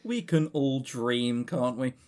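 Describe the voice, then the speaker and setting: A podcast co-host with a medium-pitched, darkish voice takes his time as he rambles through award lists in casual chat. His humour is dry and sarcastic, and he swears casually.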